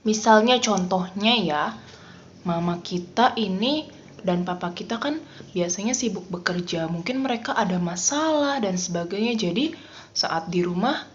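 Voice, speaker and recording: A woman teaching a children's Bible lesson in an animated, playful way, acting out little voices. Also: mid-range voice, measured pace. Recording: dull lo-fi recording.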